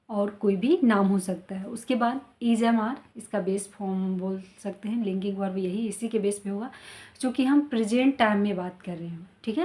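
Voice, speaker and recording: Woman, English grammar teacher, slow deliberate examples, asks and answers questions. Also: mid-range voice, a little mellow. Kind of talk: grammar lesson explained in Hindi.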